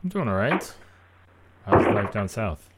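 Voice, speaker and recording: A man's voice: fairly low pitch, big pitch swings, unhurried, background noise. A man interviewing someone in a casual, joking, conversational way. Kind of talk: casual chat.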